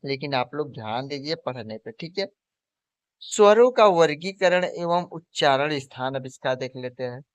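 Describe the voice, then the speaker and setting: A man's voice: a little high, animated, normal speed, clean tone, dry recording. A man teaching a lesson for exam preparation, who asks questions and answers them himself and keeps calling the viewer his friend. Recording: dull, lo-fi recording.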